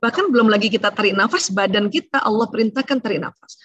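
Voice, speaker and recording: A woman giving a religious seminar talk on family and emotions, explaining in a conversational way and often tagging her phrases with a soft "ya". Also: medium pitch, animated, quick pace, husky, dry recording, dull audio. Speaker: Islamic lecturer on family and emotions.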